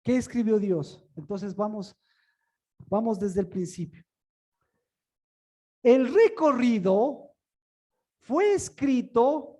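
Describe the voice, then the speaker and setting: High-voiced male preacher, questions the room constantly, stumbles and repeats words. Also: dark tone. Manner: asks the room many rhetorical questions; repeats and restarts words often. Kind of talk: sermon-style Bible teaching.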